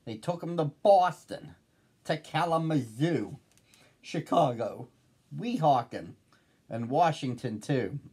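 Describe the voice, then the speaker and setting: Slow husky-voiced man reading a storybook. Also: fairly high pitch. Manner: slow, lively storyteller's lilt. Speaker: host reading a children's book. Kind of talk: storybook read-aloud.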